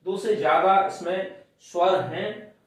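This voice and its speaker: A male grammar teacher explains rules at a slow, deliberate pace, stretching words out and counting syllables one by one. His voice sits a little high for a man. The sound is very roomy and distant, as if the mic were across a large bare room. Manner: explains step by step, counts syllables aloud, drawls words while writing. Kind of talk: classroom grammar lesson. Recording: very echoey room, voice far from the mic.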